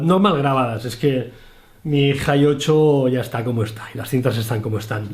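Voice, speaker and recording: A man's voice: mid-range voice, darkish tone. Chatty man telling a travel story. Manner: chatty, self-mocking, many restarts. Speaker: travel vlogger. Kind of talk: casual storytelling.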